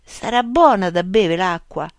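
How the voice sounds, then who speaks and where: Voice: mid-range voice, lively intonation, a little slow, dry recording, clean studio sound, voice pushed up. A storyteller voicing Cesare, a brave schoolboy with a Roman accent who coaxes his friend along. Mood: coaxing. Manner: coaxing, reassuring.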